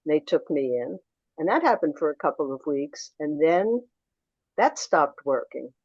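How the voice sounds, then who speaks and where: A woman's voice: deep voice, big pitch swings, moderate pace, darkish tone, no echo, dull audio. An older woman from suburban Philadelphia, a guest telling reflective stories in an interview. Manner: reflective, anecdotal, with restarts and quoted dialogue. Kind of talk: storytelling interview answers.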